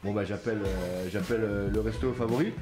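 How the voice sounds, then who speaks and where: A man on a radio show telling a funny personal story in casual banter, full of hesitant fillers, in a small studio with music underneath. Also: fairly low pitch. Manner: rambling, many filler pauses. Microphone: studio mic with headphones.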